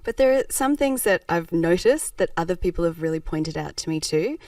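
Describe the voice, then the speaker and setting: A Japanese-born woman with a lowish, darkish voice speaks fairly quickly and animatedly as a guest on a conversational podcast interview, where she is a social enterprise founder. She reflects thoughtfully and laughs often. The recording is dry with no echo, from a slightly distant mic.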